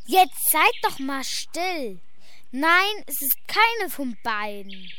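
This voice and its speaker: A woman's voice: high voice, sing-song, slow, pushed and bright, slight background noise, exaggerated voice. A woman playing an exasperated, protesting young prince in a fairy tale audio play.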